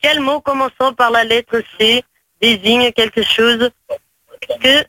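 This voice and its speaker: A man's voice: extremely high pitch, steady tone, bright, forceful tone, slight background noise, low-quality recording. A man from Portugal in a radio studio, stumbling and restarting as he reads a riddle aloud. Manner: stumbling, halting reading aloud. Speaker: studio guest reading a riddle.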